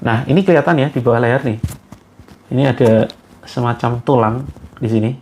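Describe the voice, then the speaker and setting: Man, spiritual healing coach, calm step-by-step instructions, repeated Arabic invocations, gentle pacing, mid-pitched voice. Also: a little fast, slight background noise. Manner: addresses listeners as friends, gently paced. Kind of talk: guided self-healing session with prayers.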